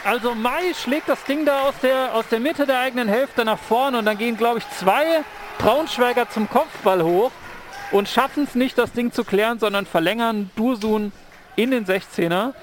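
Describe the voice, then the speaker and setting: A man's voice: extremely high pitch, normal speed, a crowd in the background. A man giving live play-by-play football commentary, describing the moves as they happen. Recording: faint outdoor stadium noise.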